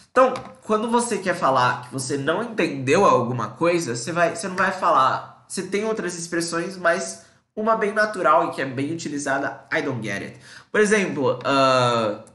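A man with a Brazilian accent teaching English in a casual lesson, explaining in Portuguese and saying English phrases slowly. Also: on the high side, a bit bright, reverberant.

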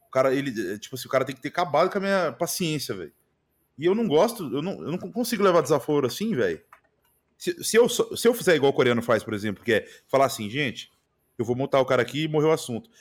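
Speaking very fast at a medium pitch, a male guest with a Brazilian accent chats loosely about his streaming on a podcast. He's lively and full of slang, and keeps saying "mano" and "velho."

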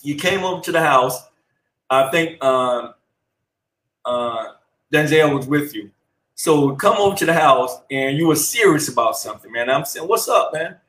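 A man's voice: medium pitch, lively intonation, fairly bright tone, echoey room, poor audio. A man in casual conversation with an old friend, teasing him and laughing as he recalls old times. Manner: teasing, laughs while telling, drawn-out delivery. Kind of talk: casual chat.

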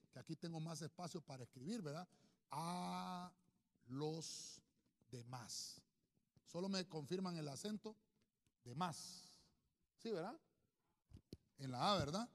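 A man preaching a Bible lesson, constantly calling listeners brother, with jokey asides and repeated words as he thinks. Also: on the high side. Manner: calls listeners "brother" nearly every sentence. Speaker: preacher teaching a Bible study. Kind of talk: sermon-style Bible teaching at a whiteboard. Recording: long hall reverb.

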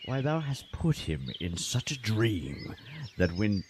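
An actor playing a boisterous drunken old knight who talks in a gleeful, conspiratorial way. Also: male voice, lowish voice, very animated, slow, noisy background.

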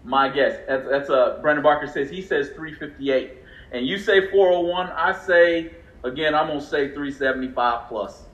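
Excitable chatty man in a roomy lo-fi stream. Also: on the high side, moderate pace. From California. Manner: excitable, chatty, laughs often. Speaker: co-host of a racing livestream. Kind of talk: casual livestream chat. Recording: roomy, dull lo-fi sound.

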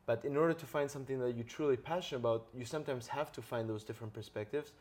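This man hosts a podcast interview in a fast, mid-range voice with a darkish tone. Earnest as he explains ideas, he checks in frequently with tag questions.

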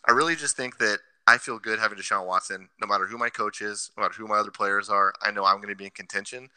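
A man's voice: lowish voice, steady tone, fast talker, pushed and bright, smooth, no echo, poor audio. A man co-hosting a casual sports podcast, laying out his picks with stats and reasons. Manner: analytical, cites stats. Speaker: podcast co-host.

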